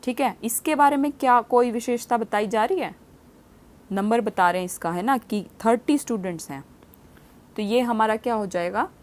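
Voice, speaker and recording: Woman teaching grammar, higher voice. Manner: explains step by step with many quiz questions; reads example sentences slowly and clearly. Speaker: English teacher. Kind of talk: grammar lesson.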